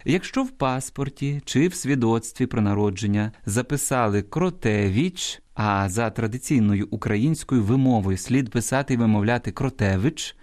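Male radio host, didactic scripted read, lively intonation, lingers on example words. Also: mid-range voice. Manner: didactic, spells out examples slowly and emphatically. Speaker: radio language program host. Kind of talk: scripted radio talk answering listener questions.

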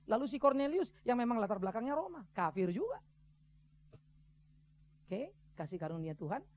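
A man preaching a sermon as a pastor, conversational and lively, acting out other people's voices. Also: very high-pitched. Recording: dull lo-fi sermon recording.

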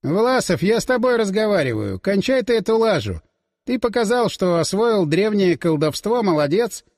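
A man doing a mocking, condescending schemer. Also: normal speed. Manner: relaxed, sarcastic, higher put-on voice. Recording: long reverb tail.

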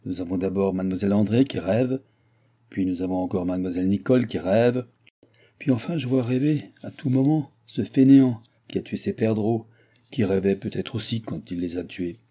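A man voicing a grumbling old aristocratic baron who blusters and mocks, with loud outbursts, in an audiobook. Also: fairly low pitch, moderate pace, natural voice. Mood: sardonic. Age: older. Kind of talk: audiobook character voice.

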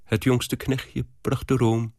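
A man narrating a verse story with a measured, rhythmic reading. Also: medium pitch, flat delivery, darkish tone, no room sound, studio quality.

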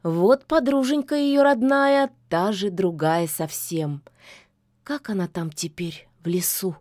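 A woman narrating a folksy fairy tale in an expressive storytelling manner. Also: medium pitch, slow pace, dry recording, clean studio sound. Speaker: audiobook narrator.

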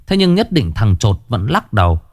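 Lively male ghost story narrator. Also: on the low side, moderate pace, dry recording, studio quality.

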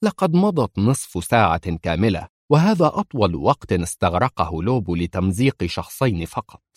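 Smug male crime boss, voiced by the narrator, sneering and low. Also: big pitch swings, normal speed, no room sound, studio quality. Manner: mocking, smug. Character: smug villain gang leader, mocking.

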